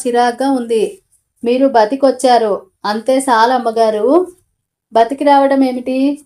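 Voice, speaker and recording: A woman narrating a novel in the first person, reading the dialogue in the same steady voice. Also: on the high side. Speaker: audiobook narrator.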